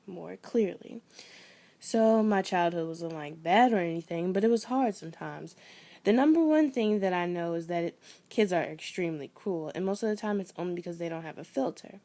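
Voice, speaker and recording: A young woman telling a performed personal story with wry humor, swinging between loud bursts and near whispers. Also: lowish voice, gravelly.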